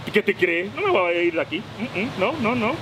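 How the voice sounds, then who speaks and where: A man's voice: high-pitched, lively intonation, brisk, loud music behind the voice. A man voicing a brash, foul-mouthed comic superhero, answering fan questions in a crude, mocking vlog outdoors by a river. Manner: crude, mocking, full of insults and slang.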